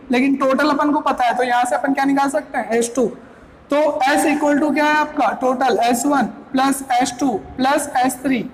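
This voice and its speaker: A woman's voice: high-pitched, slight background noise, poor audio. A woman teaching a physics lecture step by step, asking questions and answering them herself, repeating each figure. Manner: keeps asking and answering her own questions.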